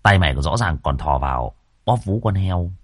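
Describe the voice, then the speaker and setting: A man's voice: very deep voice, expressive, a little slow, no room sound, clean studio sound, pitched below the performer's own voice, exaggerated voice. A man voicing a timid young male servant who stammers and talks deferentially. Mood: grumbling.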